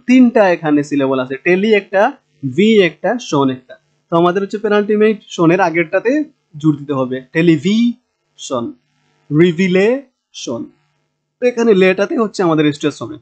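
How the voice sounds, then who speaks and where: A man lecturing on linguistics in a Bangladeshi Bengali accent, with a slightly higher voice than most men. He stretches out each example word slowly and fills his pauses with hesitant sounds. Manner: slow, drawn-out sounding of example words with hesitant fillers. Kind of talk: recorded lecture.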